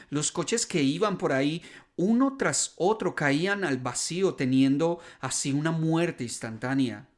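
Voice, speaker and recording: Earnest man preaching in a slightly high voice. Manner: earnest storytelling, rising emphasis on key points. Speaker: preacher and podcast host. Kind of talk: sermon told as a story.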